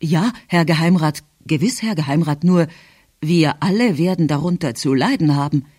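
A man's voice: on the high side, moderate pace, darkish tone, husky, no echo, clean studio sound. A man reading aloud and voicing a fawning but persistent delegation spokesman. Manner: deferential, insistent.

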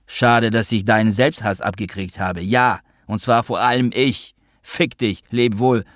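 A man reading a first-person novel aloud as an audiobook narrator, in a wry, measured telling. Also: on the low side, steady tone, no echo, studio quality.

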